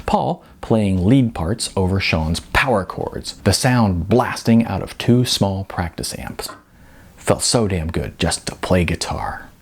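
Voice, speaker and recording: An author reads his own novel aloud in an animated, audiobook-style narration, delivering it expressively with dramatic emphasis. His low-pitched voice is slow and expressive, with vocal fry.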